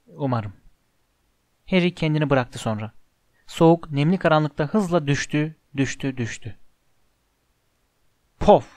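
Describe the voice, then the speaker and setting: A man reading a storybook aloud in a measured, steady way, close to the mic. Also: a little high, no echo. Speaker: audiobook narrator. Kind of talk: storybook narration.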